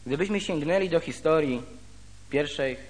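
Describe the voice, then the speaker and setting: A man preaching a sermon. He reads scripture aloud and then explains it slowly, with pauses. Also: a little high. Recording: reverberant hall.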